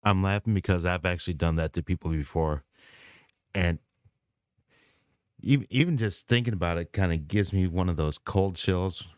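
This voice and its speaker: Deep-voiced man reacting to a clip. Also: normal speed, long pauses, clear, resonant tone, no room sound, studio quality. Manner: relaxed, amused, a few fillers. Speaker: reaction video host. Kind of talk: casual reaction commentary.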